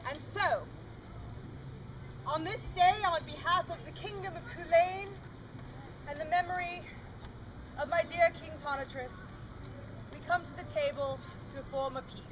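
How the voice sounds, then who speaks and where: A woman's voice: a little slow, pauses often. A woman playing a stern, proud fantasy queen in formal, archaic Renaissance faire speech. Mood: solemn. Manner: formal archaic royal declamation. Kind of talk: Renaissance faire stage drama, olde speech. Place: outdoor faire. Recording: noisy outdoor live recording, engine-like ambient rumble.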